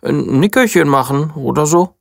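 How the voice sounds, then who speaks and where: A storyteller voicing a whiny young princess in a children's story, pleading and sulky. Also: female voice, low voice, lively intonation, moderate pace, creaky, no echo, studio quality, pitched above the performer's own voice, heavily acted.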